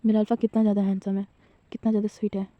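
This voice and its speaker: A woman voicing a shy, flustered young man who pleads softly and hesitantly in a storybook retelling. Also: mid-range voice, level tone, rapid-fire, no room sound, phone-quality sound, natural voice. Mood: tender dreamy.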